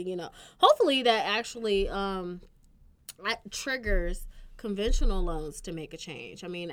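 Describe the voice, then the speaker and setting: A woman co-hosting a podcast, talking in a chatty, teasing manner while explaining loan details. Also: fairly low pitch. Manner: chatty, teasing, laughs often, loan talk. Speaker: podcast co-host. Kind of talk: casual chat.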